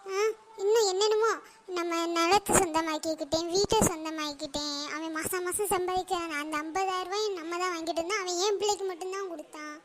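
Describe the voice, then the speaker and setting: A woman's voice: extremely high pitch, steady tone, quick pace, crowd noise. A woman voicing a spoiled, greedy young daughter in a cartoon, whiny and grasping.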